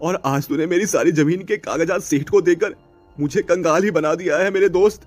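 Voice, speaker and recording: A man's voice: high-pitched, normal speed, soft background music. A man voicing an honest, loyal village farmer in a cartoon story, talking in an earnest, pleading way. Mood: hurt.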